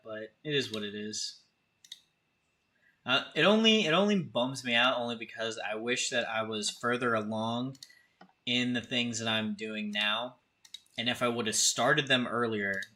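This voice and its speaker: This thirtysomething streamer has a lowish voice that sounds pushed and bright. He keeps things casual and conversational, talking directly to the people in his chat.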